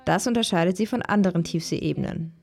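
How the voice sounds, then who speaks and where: A woman's voice: fairly low pitch, fast talker, vocal fry, darkish tone. A woman reading a scripted voice-over translation of an interviewed scientist.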